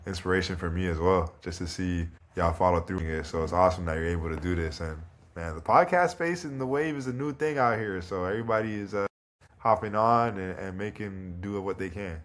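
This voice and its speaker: A man from Toronto, a guest on a casual interview podcast, speaking in a relaxed, reflective way with frequent "you know" and "like.". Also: deep voice, brisk. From Toronto, Canada. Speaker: guest, pro basketball player.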